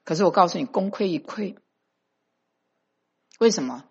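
A woman with a husky, somewhat low voice preaches a sermon. She speaks with emphasis and drops English phrases into her talk. The recording is dull and lo-fi. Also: animated, moderate pace, a little mellow.

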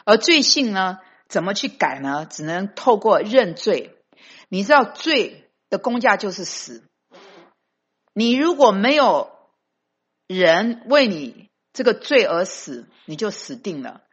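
Husky-voiced woman preaching emphatically. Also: mid-range voice, very animated, takes it slowly. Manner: emphatic, mixes in English phrases. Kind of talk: sermon. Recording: dull lo-fi recording.

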